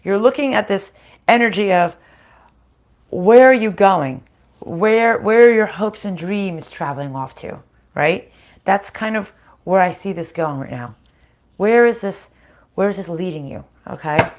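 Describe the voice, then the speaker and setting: A woman with a groggy, slightly hoarse voice recovering from a sinus infection, giving a casual spiritual card reading and thinking aloud in a halting, conversational way. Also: mid-range voice, expressive. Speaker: spiritual card reader hosting a live reading.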